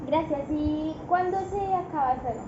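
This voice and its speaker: A woman's voice: high voice, normal speed. A young woman politely interviewing her parents, thanking them after each answer. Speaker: interviewer, daughter. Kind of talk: school interview. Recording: echoey room, muffled, noisy.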